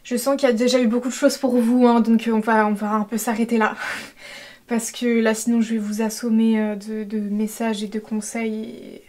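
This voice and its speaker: A woman giving an intuitive tarot reading, talking hesitantly with many fillers and a gentle tone. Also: a little high, flat delivery, moderate pace. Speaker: tarot reader. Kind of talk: intuitive card-reading guidance.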